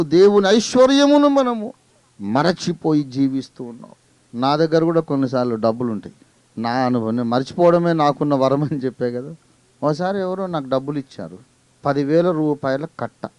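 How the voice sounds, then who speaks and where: A man's voice: mid-range voice, a little mellow, no echo. A male pastor preaching a fervent sermon, telling stories and rising into exclamations of praise.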